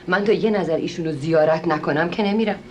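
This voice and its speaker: Actress doing a stubborn, fawning middle-aged lady for a stage comedy, lowish voice, sharp-tongued when crossed. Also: a little hiss or hum, close to an everyday voice. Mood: pleading. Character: pushy, doting middle-aged woman visiting from abroad.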